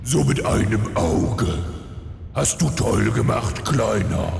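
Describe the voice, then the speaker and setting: A man playing a bored, patronizing villain with a deadpan manner in a fantasy comedy. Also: lowish voice, slow pace, creaky, exaggerated voice. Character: unimpressed, bored, patronizing male villain companion. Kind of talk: scripted fantasy comedy dub. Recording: echoey hall, faint noise.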